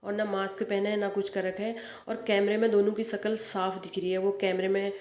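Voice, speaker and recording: A woman's voice: medium pitch, flat delivery, a little fast, a little mellow. Woman vlogging local news. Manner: earnest, repeats herself for emphasis. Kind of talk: casual vlog, telling local news. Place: outdoors on a house rooftop.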